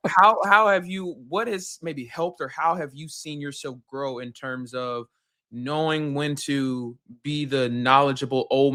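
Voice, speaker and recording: A man's voice: medium pitch, a bit bright. Earnest podcast host man. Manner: earnest, builds long rambling questions. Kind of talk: casual interview.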